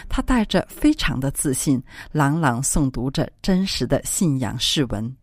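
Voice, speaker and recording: A low-voiced woman reads devotional prose with solemn, expressive phrasing. Her intonation swings widely from line to line. The recording is dry and close, with faint music playing softly behind her. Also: unhurried, slightly rough, no echo. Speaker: audiobook reader. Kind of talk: reading a religious classic aloud.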